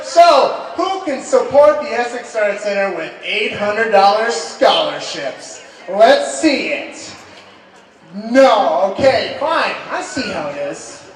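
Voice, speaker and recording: A man with a very high voice makes an informal fundraising appeal in a playful, ad-libbed way. His pace is slow. The hall is very echoey, with a faint crowd. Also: very animated, recorded from a distance. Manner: jokey, playful ad-libbing with the crowd. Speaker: fundraising host asking for scholarship pledges. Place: large hall with an audience.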